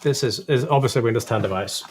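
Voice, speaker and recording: A man co-hosting a tech Q&A in casual chat, halting and repeating words, with dry asides. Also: medium pitch, slight background noise. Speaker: co-host and instructor.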